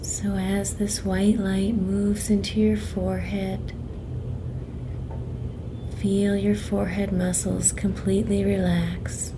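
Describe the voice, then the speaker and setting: Soft whispery lady doing a guided relaxation, super slow and even, noticeable noise behind her. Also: medium pitch. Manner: soft, breathy, near-whispered soothing delivery; slow, long pauses between phrases. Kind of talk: guided relaxation meditation narration. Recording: clearly noisy, ambient sound behind.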